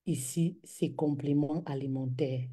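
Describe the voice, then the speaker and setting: A woman's voice: low-pitched, steady tone, measured pace, mellow, husky, voice pushed down. A woman voicing a hesitant female client who pleads with her coach. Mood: pleading.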